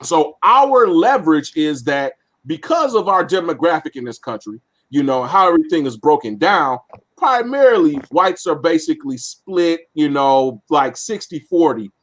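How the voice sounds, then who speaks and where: A man's voice: fairly high pitch, sing-song, moderate pace, a bit bright. A man co-hosting a casual political discussion, explaining definitions and voting step by step with many fillers. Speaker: podcast co-host.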